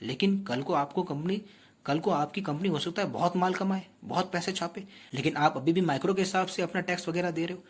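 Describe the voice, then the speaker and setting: Male tutor with a slightly husky voice, explaining patiently and quizzing the class. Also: high voice, fairly quick. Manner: explanatory, addresses students directly with rhetorical questions. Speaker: teacher. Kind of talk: exam-prep lecture.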